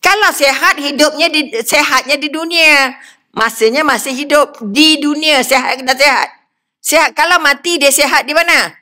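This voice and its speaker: An older woman with a Malaysian Malay accent giving a lively religious lecture, often putting questions to her audience. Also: high voice, normal speed. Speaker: religious speaker.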